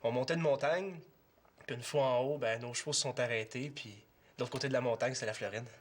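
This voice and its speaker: A man's voice: mid-range voice, a little fast, a little hiss or hum, natural voice. An actor with a Quebec French accent playing an awkward, chatty young man who stumbles and restarts as he talks. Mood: dreamy. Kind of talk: TV series acting.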